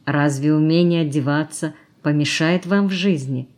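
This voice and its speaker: A woman's voice: sits low, moderate pace, a little mellow, close to an everyday voice. Woman reading a mocking worldly society lady. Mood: coaxing. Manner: teasing, mocking, coaxing. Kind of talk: audiobook character reading.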